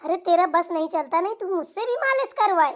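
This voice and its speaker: Cartoon role: a woman as a screechy, nagging old mother-in-law with a sharp tongue. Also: very high-pitched, lively intonation, brisk. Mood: scolding. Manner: nagging, insulting, tag questions. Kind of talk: cartoon voice acting.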